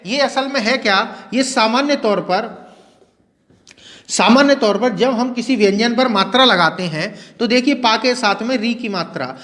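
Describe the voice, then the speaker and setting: High-voiced male Hindi teacher, reverberant room. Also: fairly bright tone. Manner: asks questions and answers them himself; repeats key words slowly for emphasis. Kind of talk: classroom-style video lecture. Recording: long reverb.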